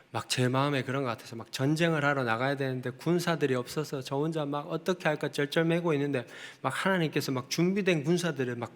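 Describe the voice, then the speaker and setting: A man, a missionary, telling mission stories and then preaching a sermon in earnest, growing emphatic. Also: medium pitch. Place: church sanctuary. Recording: long hall reverb.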